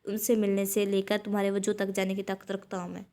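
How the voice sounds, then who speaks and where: A stern, brooding young hero, curt and commanding, read by a woman narrator. He speaks in a flat, even pitch that barely rises or falls. It has the feel of a storybook reading. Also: fast talker, close to an everyday voice. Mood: threatening.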